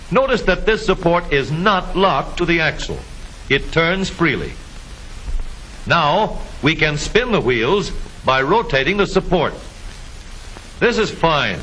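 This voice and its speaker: A man narrating a 1950s educational film in a scripted, step-by-step explanatory style, with deliberate phrasing. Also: on the high side, pushed and bright, poor audio. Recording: hissy vintage 1950s film soundtrack.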